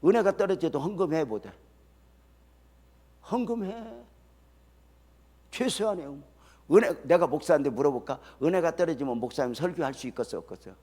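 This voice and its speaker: A man's voice: fairly high pitch, animated, fast, breathy edge. Older man preaching in an echoing church. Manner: folksy storytelling, swings from soft to loud. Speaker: pastor. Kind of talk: sermon. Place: church sanctuary.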